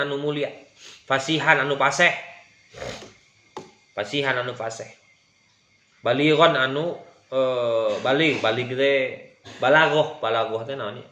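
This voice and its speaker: A man's voice: medium pitch, a bit bright, reverberant, lo-fi sound. A man with a Sundanese accent teaching a religious study class, reading Arabic text and explaining it phrase by phrase.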